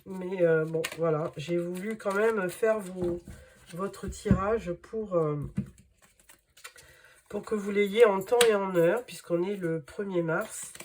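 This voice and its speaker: In a slow, lowish, darkish voice, a woman with a cold gives her viewers a tarot reading, sounding nasal and hesitant. She fills her speech with fillers and keeps restarting, and there's slight background noise.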